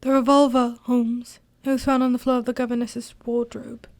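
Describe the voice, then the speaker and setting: Woman acting a genial doctor companion, radio drama, gentlemanly, polite, high voice. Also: little pitch movement, moderate pace, natural voice. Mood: polite, tactful.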